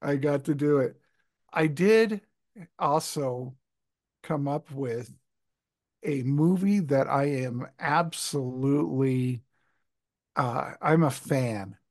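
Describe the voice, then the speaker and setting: Joking podcast co-host, dry close sound. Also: male voice, medium pitch, slow pace, pauses often, darkish tone, no room sound. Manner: joking, rambling, laughs often. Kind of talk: casual chat.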